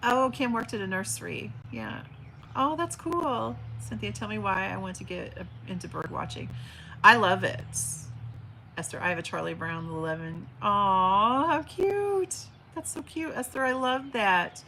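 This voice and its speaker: A woman in her forties reads viewer comments on a casual livestream, sounding chatty and affectionate in a big teacher voice, with frequent fillers and restarts. Her mid-range voice has lively intonation, a measured pace, vocal fry and a sharp tone. She's at home by an open window with birds outside, and the poor audio has a little hiss or hum.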